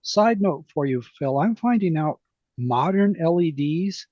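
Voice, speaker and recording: Slightly high-voiced man on a lo-fi call. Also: expressive, a little slow, no room sound. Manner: brief interjections, practical asides. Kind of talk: casual chat on a video call. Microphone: video call microphone. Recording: dull lo-fi dry call audio.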